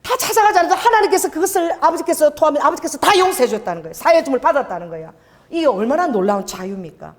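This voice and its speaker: A middle-aged woman pastor preaching a sermon, telling stories with animated exclamations and acting out the voices she quotes. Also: high voice, very fast, big-room sound. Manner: exclaims hallelujah, calls out to congregation.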